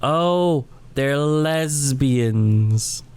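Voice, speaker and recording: A man's voice: medium pitch, drawn-out words, a little mellow, clear, resonant tone. A man hosting a gaming channel, giving casual let's-play commentary and thinking aloud, often stopping to correct himself.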